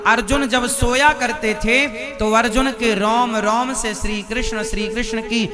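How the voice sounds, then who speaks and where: A man's voice: extremely high pitch, fairly even intonation, unhurried. A male preacher giving a devotional sermon, teasing the audience with rhetorical questions. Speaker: spiritual preacher. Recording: music playing under the speech.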